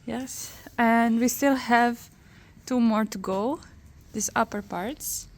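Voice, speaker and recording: A woman with a fairly high voice films and comments in relaxed vlog style. She speaks at a slow pace, with a playful, teasing manner. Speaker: vlogger filming and commenting. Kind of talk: casual vlog chat.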